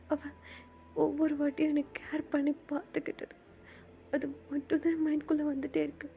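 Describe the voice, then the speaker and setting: A woman's voice: high-pitched, warm tone, slight background noise. A woman voicing a lovesick young man who cries and stammers as he speaks. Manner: halting, stammering, crying.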